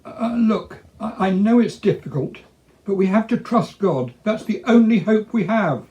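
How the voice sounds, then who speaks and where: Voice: medium pitch, animated, unhurried, dark tone, dull audio, pitched above the performer's own voice, lightly acted. A performer voicing a worried, earnest, pleading male patriarch in a storybook reading. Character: worried pleading old patriarch Mister Noah. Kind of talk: storybook character voice.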